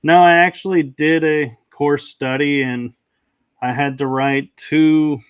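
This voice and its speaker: A man's voice: fairly high pitch, steady tone, takes it slowly, smooth. A man being interviewed as a podcast guest, telling stories in a rambling, conversational way. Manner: rambling, conversational, many restarts and asides. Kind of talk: casual storytelling interview.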